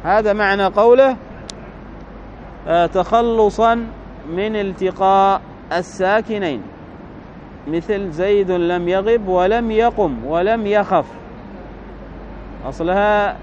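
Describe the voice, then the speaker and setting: Through a dull, lo-fi recording with some hiss or hum, a man with a high voice teaches Arabic grammar. He moves slowly and deliberately through each step, repeatedly asking "right?" to check understanding.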